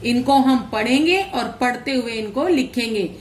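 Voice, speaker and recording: A woman teacher records a lesson for young children, talking slowly and patiently. She breaks words down sound by sound and says each one clearly for her pupils. Her voice sits a little on the high side. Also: slight background noise. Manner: slow, careful, spells out syllables for children. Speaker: school teacher. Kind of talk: online class lesson, reading aloud slowly.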